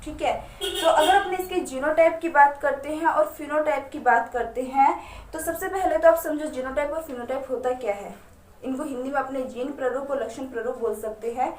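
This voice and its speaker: A woman with a high voice teaches science at a board, asking herself question after question and answering each one, and she speaks directly to her students. Her voice rings around a reverberant room and reaches the mic from a distance, with a faint hiss underneath. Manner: asks herself questions and answers them step by step; talks straight to students. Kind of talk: whiteboard lesson.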